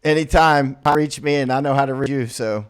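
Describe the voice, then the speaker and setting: Clear-voiced man hosting an interview. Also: mid-range voice, a little fast. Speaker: interview host. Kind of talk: casual conversational interview.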